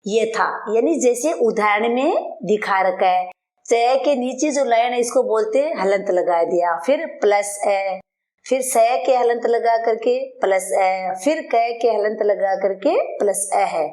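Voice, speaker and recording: A woman's voice: medium pitch, measured pace, a little mellow. A woman teacher patiently explaining a school lesson word by word, spelling out terms and their meanings. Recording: roomy, echoey voice-over.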